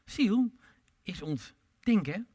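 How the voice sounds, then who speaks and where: A man preaches with passion. He swings from loud, emphatic calls to hushed, low asides, and he draws out his words slowly when he quotes scripture. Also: lively intonation, husky. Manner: drawn-out pleading delivery when quoting scripture. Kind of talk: sermon.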